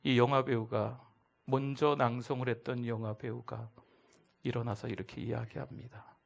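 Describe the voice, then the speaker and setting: A man preaching a Sunday sermon as pastor, swinging from loud, emphatic exclaiming down to hushed near-whispers. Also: medium pitch, flat delivery, normal speed, vocal fry. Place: church sanctuary.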